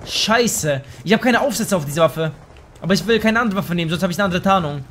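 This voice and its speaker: This is a young man doing casual commentary over a shooter game. His voice is notably high for a man. He trash-talks and swears freely, and he breaks into excitable outbursts, with faint noise behind him. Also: fast talker. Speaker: let's play host.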